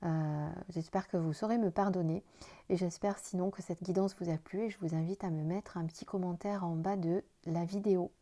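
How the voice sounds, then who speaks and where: Tired woman doing a tarot reading, soft and reassuring, trips over her words a bit. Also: on the low side, fairly even intonation, normal speed. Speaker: tarot card reader. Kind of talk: casual tarot reading to camera.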